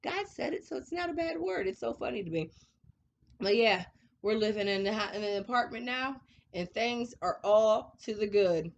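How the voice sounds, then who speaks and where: A woman in her thirties hosting a personal vlog, telling her story frankly with frequent laughter and talk of faith. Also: mid-range voice. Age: 30s. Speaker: vlog host.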